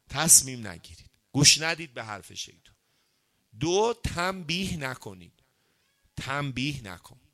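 A man giving a sermon, lively and conversational, asking his listeners questions and reciting Arabic sayings slowly before he explains them. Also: a little high. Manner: lively, questions the audience and urges answers. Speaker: cleric giving a religious talk.

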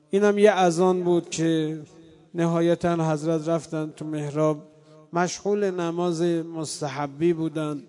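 Guy doing a mourning sermon, soft storytelling then loud chanted wailing, kinda high voice but pretty flat, dark mellow tone. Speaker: mourning preacher. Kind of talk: Shia mourning sermon narration with chanted lament. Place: indoor religious gathering. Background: live congregation.

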